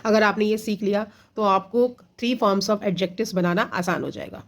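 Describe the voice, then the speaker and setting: A woman's voice: mid-range voice, a little slow. A woman teacher giving an exam-prep grammar lesson to children, explaining patiently step by step in Hindi mixed with English, often asking a question and then answering it herself.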